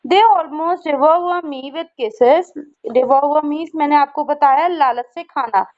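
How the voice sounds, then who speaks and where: A young woman, a school English teacher, patiently explaining a poem to her students in Hindi, often stopping to check that they follow and reading the poem's lines slowly. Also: high voice, darkish tone. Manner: patient, checks understanding with frequent "ठीक है?". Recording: dull lo-fi recording.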